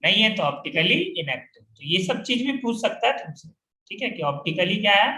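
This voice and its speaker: During a classroom chemistry lecture in an echoey room, the teacher, a man, keeps quizzing his students and drilling them on the answers. His high-pitched voice is expressive, pushed, and bright, and he speaks a little fast.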